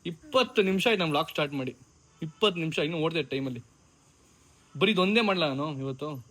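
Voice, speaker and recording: A man's voice: fairly high pitch, expressive, fairly quick, a bit bright. A man running a casual family vlog, coaxing and insistent as he tries to get two relatives to make up. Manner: coaxing, insistent, talks over others. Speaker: vlogger mediating a family quarrel.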